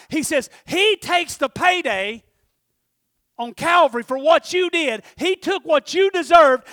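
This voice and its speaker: Preacher guy, middle-aged, high voice, goes from shouting to real quiet, dry close sound. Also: no room sound. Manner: swings from shouted urgency to low intimate asides. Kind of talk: sermon.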